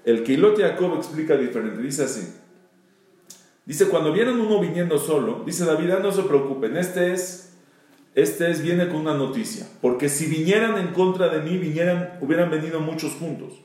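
In a very echoey room, a rabbi gives a Bible storytelling lesson, reading Hebrew verses and then explaining them in Spanish, repeating phrases for emphasis. His voice is a little high and a little mellow, at a normal speed.

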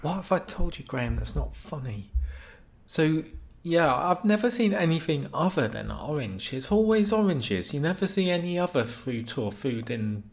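A man co-hosting a casual podcast, talking in a dry, deadpan way as he reads out forum posts. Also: fairly high pitch, moderate pace. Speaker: podcast co-host.

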